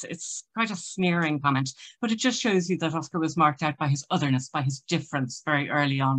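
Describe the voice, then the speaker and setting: Measured woman giving a literary lecture. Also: low-pitched, a bit bright. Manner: thoughtful, measured delivery with frequent "um" and restarts. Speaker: speaker giving a presentation. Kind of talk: illustrated literary history lecture.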